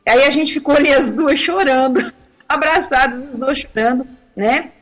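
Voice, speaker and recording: High-pitched lady missionary chatting on tv about raising kids, acts out the quotes. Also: normal speed. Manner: animated storytelling, acting out quotes, laughing. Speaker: missionary giving family advice on TV.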